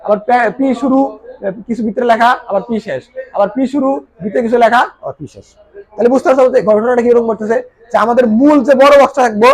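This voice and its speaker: High-pitched guy teaching a class, asks questions then answers them himself. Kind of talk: recorded class lecture.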